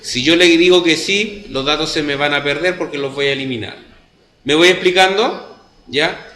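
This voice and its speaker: A man's voice: fairly high pitch, moderate pace, bright, forceful tone. A man with a Chilean Spanish accent teaching a computer class, explaining step by step and checking that his students follow. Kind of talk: classroom lesson. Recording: echoey classroom.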